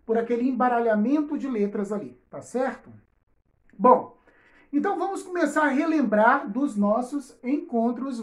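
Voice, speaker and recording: A woman teaches a recorded video lesson to young pupils. Her voice sits a little high, and she stretches out example words slowly. She keeps checking in with her class as she goes. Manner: slow, drawn-out spelling of example words; patient, checks in often with "tá?" and "né?". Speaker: schoolteacher. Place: home or classroom, projecting slides on a wall.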